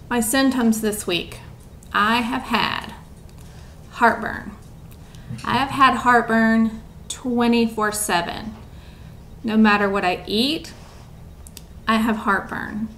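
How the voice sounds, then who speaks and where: A woman's voice: on the high side, a bit bright, a little hiss or hum. Chatty breathless young woman vlogging. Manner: chatty, rambling, lots of ums. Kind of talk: casual chat to camera.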